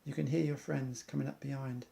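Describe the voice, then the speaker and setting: A man's voice: medium pitch, level tone, brisk, gravelly, dark tone. A man, an amateur athlete, earnestly reciting an inspirational monologue in loose rhymes.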